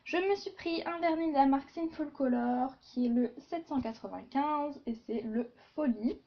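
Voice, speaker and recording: Chatty woman with a higher voice. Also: moderate pace, lo-fi sound. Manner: chatty, many fillers and asides. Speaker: beauty vlogger. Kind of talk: casual haul video chat.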